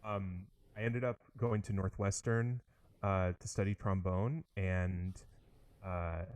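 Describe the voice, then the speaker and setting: A young man who plays trombone in an orchestra chats eagerly as a guest in a casual interview, full of "likes" and restarts. His voice is low, steady and darkish in tone, and he speaks slowly.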